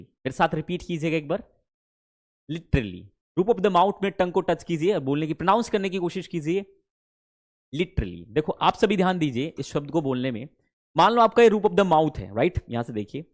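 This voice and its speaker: Male teacher, higher-pitched, chatty, drills pronunciation, drawn-out lines. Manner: addresses students fondly as kids, mixes Hindi and English; slows down and stretches English phrases. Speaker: English teacher. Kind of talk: online spoken-English class.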